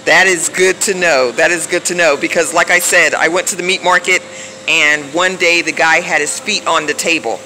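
This middle-aged American woman speaks at a normal speed in a lowish, bright and forceful voice with fairly even intonation. Thinking aloud, she records a casual shopping vlog on a handheld phone as coolers hum through the supermarket aisles, adding noisy background hum.

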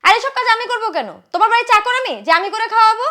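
A woman playing a spiteful young wife who scolds loudly and sneers at her husband's sister. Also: extremely high pitch, racing. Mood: scornful. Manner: scolding, loud and contemptuous. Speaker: sharp-tongued wife. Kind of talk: short film acting.

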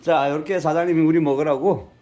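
A man's voice: a little high, fairly even intonation, quick pace, warm tone. An older man chatting casually as a vlogger at his rural home, telling folksy stories and chuckling often. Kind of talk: casual vlog narration.

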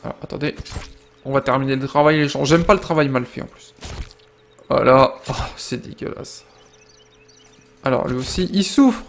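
A young man giving casual let's-play commentary, rambling to his viewers and breaking into loud exclamations during fights. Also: mid-range voice, fairly even intonation, brisk, long pauses, a little hiss or hum. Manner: chatty, rambling, addresses viewers directly. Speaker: gaming video creator.

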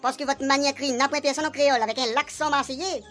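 A woman's voice: sits high, steady tone, fast talker, fairly bright tone, soft background music. A woman voicing a blunt, mocking gendarme sergeant in a radio drama. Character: blunt gendarme sergeant, sharp-tongued subordinate.

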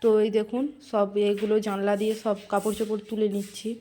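A woman's voice: medium pitch, little pitch movement, fast talker, dark tone. A woman vlogger giving a casual, chatty voice-over, talking to her viewers like close friends. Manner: confiding, talks straight to viewers as friends. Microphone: voice-over recorded separately from the footage.

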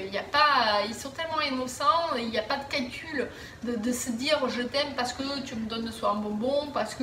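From indoors in her living room, a thirtysomething woman with a fairly high voice casually answers viewer questions to camera, full of fillers and restarts. The distant camera leaves a roomy echo and a noisy background.

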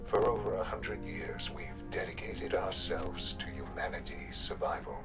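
A composed older man who runs an underground science institute speaks in a calm, persuasive video game voice, as an actor plays him. His voice sits low, and game music plays behind him. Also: moderate pace, close to an everyday voice. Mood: measured.

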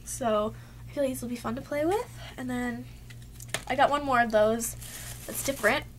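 Her voice is a little high and moves at normal speed, with a touch of hiss or hum in the recording. She's a young beauty vlogger in a cluttered bedroom, casually chatting to her webcam about a haul while a little sick and losing her voice. "Like" fills her speech.

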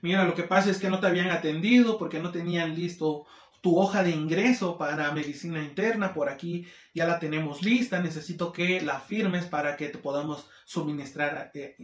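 Man, Mexican accent, high voice, casual storytime, animated quoting, echoey room. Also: normal speed. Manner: animated, acts out quoted people in shifting voices. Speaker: vlogger. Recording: roomy echo.

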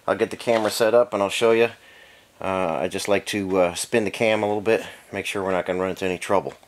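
A man's voice: low voice, fairly even intonation, fast talker, slight background noise. A man casually explaining engine work in a home garage, matter-of-fact with many fillers, heard from an off-screen camera mic. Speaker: engine builder. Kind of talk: casual workshop demonstration.

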